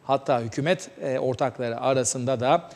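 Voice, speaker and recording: A man hosting a TV talk show, giving news commentary with a measured delivery and many hesitant filler sounds. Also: medium pitch, darkish tone, big-room sound.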